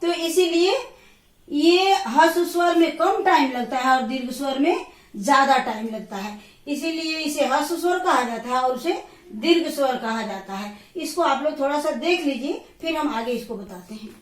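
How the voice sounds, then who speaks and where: Woman teacher, high voice, patient repetitive explaining; echoey room, set back from the mic. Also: expressive, far from the mic. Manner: slow, repetitive explaining, counting aloud. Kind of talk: classroom lesson.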